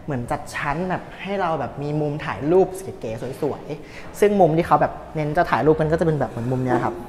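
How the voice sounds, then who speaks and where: A man's voice: fairly high pitch, a little fast, darkish tone, slight background noise. A young man hosting a casual cafe tour vlog, talking in an upbeat, polite tour-guide way on a clip-on mic indoors. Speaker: host. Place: indoor cafe in an old shophouse. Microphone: clip-on lapel mic.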